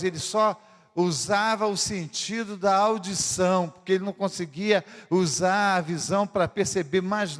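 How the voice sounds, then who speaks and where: Fervent pastor with a high voice, sermon in a church with long reverb. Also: male voice. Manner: fervent preaching with dramatic pauses. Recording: echoey church hall.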